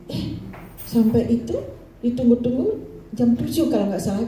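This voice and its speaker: A woman's voice: medium pitch, warm tone, far from the mic, slight background noise. An older woman pastor preaching a storytelling sermon, chatty and often turning to speak straight to her congregation. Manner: chatty, keeps addressing the congregation. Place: church hall. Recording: roomy echo, voice from off-mic.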